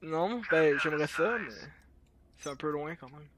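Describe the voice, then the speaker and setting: Teasing Quebec French streamer, high bright voice, very animated. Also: male voice, normal speed. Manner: teasing, egging on his friend. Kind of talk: casual gaming chat.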